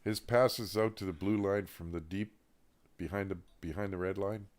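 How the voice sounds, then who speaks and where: Deep-voiced man agreeing in a hockey chat. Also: fairly even intonation, normal speed, darkish tone. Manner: short agreeing replies, occasional longer takes. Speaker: podcast co-host. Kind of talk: casual sports chat.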